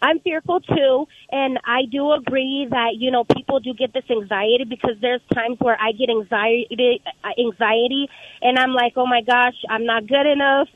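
A woman's voice: fairly high pitch, fairly even intonation, moderate pace, a little hiss or hum. A woman in her thirties calling a radio show on speakerphone, asking earnest, hesitant questions with many ums. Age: 30s. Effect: speakerphone over a phone line. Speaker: caller. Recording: tinny phone line.

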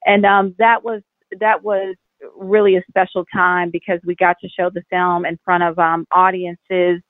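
A woman's voice: fairly low pitch, level tone, a little slow, no room sound. A young woman from Texas, a film director, talking reflectively with many fillers during an interview. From Fort Worth, Texas. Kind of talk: interview over a phone line. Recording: tinny phone line.

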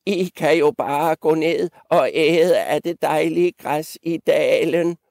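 A man's voice: a little high, steady tone, gravelly, a little mellow, no room sound, clean studio sound, voice pushed up. A man voicing an old male goat who teases the younger ones. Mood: teasing. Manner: teasing.

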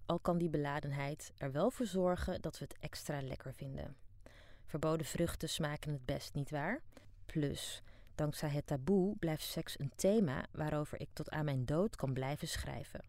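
A woman's voice: sits low, moderate pace, darkish tone, no room sound. Woman, middle-aged, from Amsterdam, audiobook diary narration, frank, dry studio sound. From Amsterdam, Netherlands. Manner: frank, wry and down-to-earth. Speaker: narrator and author.

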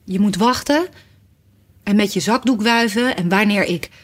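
A woman reading a storybook aloud in an expressive way. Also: mid-range voice, moderate pace. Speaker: narrator.

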